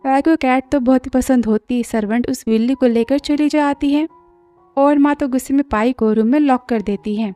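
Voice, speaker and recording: High-voiced woman narrating a drama recap. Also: warm tone, no room sound, soft background music. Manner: brisk, running narration. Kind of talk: storytelling recap.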